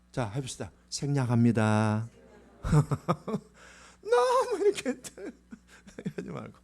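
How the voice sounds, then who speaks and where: A man's voice: a little high, a little mellow. A male pastor preaching a sermon, quizzing the congregation and acting out quotes.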